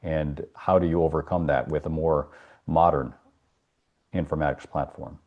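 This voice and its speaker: A man moderating a webinar, reading audience questions with a hesitant, halting delivery. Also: rumbling low, steady tone, lo-fi sound.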